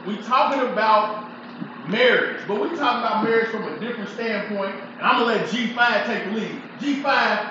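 A man's voice: high voice, normal speed. A man, hosting a casual barbershop debate, playful and teasing, pressing with repeated questions. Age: 40s. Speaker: show host. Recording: roomy, distant, muffled and noisy.

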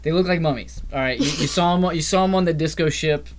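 With a voice on the high side and a quick pace, a podcast co-host explains game patch changes over a noisy background. The gaming chat is casual, and his rambling explanations often trail off.

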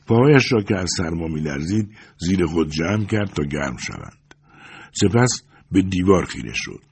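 A man narrating a story as an audiobook in a steady, measured reading. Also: low-pitched, vocal fry, slight background noise.

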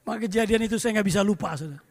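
Male pastor, middle-aged, sermon storytelling, high voice, long church-hall reverb. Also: racing. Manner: lively anecdotal storytelling, often addresses the congregation.

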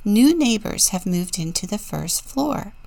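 Slow, gravelly woman deacon. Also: medium pitch, big pitch swings, a little mellow. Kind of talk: children's sermon and storybook reading.

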